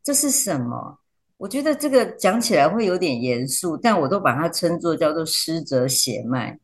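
Lively woman telling stories. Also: low-pitched, moderate pace. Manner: animated storyteller, acts out quotes. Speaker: teacher guest. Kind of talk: casual podcast chat.

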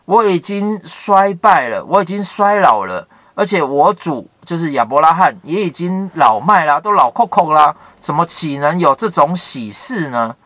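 A man's voice: fairly high pitch, very animated, normal speed, hardly any pauses, pushed and bright, no room sound, voice pushed up. A man voicing an old woman who laughs in disbelief, in a raised, protesting voice, read from a Bible story. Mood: doubtful.

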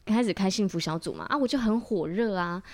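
A young woman co-hosting a relaxed podcast, speaking Mandarin with a Taiwanese accent. She talks at a middle pitch and tells her story in a lively way, acting out what people said. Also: brisk, no room sound. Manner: lively storytelling, acts out quoted lines. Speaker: podcast co-host. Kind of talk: casual chat.

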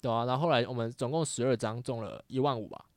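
A man's voice: mid-range voice, quick pace, no room sound. A young man, hosting a podcast and telling a story in casual chat, swearing freely and acting out the people he quotes. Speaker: podcast host.

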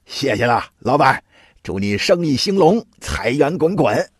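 A man's voice: medium pitch, big pitch swings, normal speed, a bit bright, slightly rough, dry recording, clean studio sound. A man doing a greedy, grinning gravedigger. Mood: eager. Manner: wheedling, grinning. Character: greedy cheerful gravedigger man, scruffy and eager.

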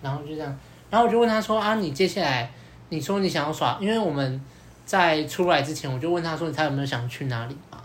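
A man, hosting a podcast and telling a story in a casual, animated way, acting out both sides of the dialogue with many fillers. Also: on the high side, quick pace, slight background noise. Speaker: podcast host.

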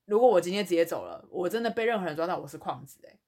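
A woman co-hosting a podcast, with a husky voice that sits a little low. She speaks briskly and directly, giving calm, reasoned counterpoints in relaxed conversation. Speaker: podcast co-host. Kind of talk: casual conversation.

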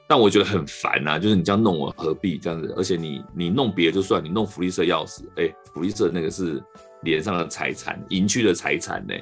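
A man with a Taiwanese Mandarin accent hosting a podcast, telling a rambling, animated story in casual chat. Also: deep voice, fast talker, soft background music. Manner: rambling, animated anecdote with restarts. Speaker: podcast host.

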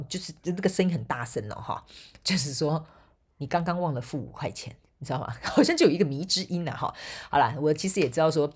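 A woman's voice: deep voice, darkish tone, husky. A woman from Taiwan with a Taiwanese Mandarin accent, hosting a solo podcast and telling a story in a chatty way, laughing often and groping for words. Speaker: podcast host and motivational speaker.

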